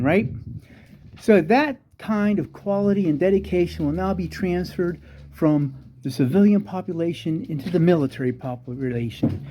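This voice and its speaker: An older man delivering a rambling satirical monologue full of sarcastic, deadpan asides. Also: sits high, a little hiss or hum. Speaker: comedic commentator.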